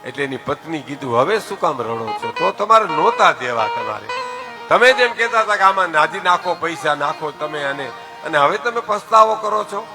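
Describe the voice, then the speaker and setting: An older man from telling a folk tale, addressing his listeners directly and swinging between soft asides and loud exclamations. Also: fairly high pitch, moderate pace, music in the background. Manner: lively storyteller, often addresses listeners as "saheb". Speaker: folk storyteller.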